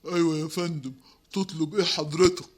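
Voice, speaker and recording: Someone performs a courteous Egyptian cafe waiter in a homemade comedy skit. He speaks formally and deferentially at an ordinary middle pitch. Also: steady tone, brisk, heavy background noise, lightly acted. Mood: polite. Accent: Egyptian Arabic. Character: polite cafe waiter who turns angry.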